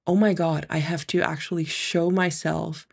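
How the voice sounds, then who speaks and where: A woman's voice: on the low side, steady tone, moderate pace, vocal fry, breathy edge. A woman hosting a motivational solo podcast as a coach, speaking earnestly and emphatically with a slightly nasal, congested sound. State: congested from an ear infection. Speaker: podcast host and spiritual business coach.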